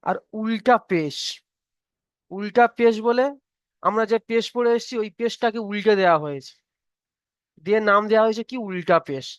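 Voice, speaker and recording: Patient high-voiced male tutor. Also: moderate pace, pauses often, a bit bright, clean tone, no room sound, highs cut off. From Bengal. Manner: patient, repeats each point and checks understanding. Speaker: Quran reading teacher. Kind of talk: online tutoring class.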